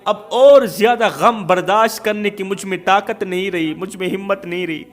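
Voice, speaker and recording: Tearful old mother, high and pleading, as a male preacher puts her on. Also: lightly acted. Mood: praying. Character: grieving old mother praying for her son.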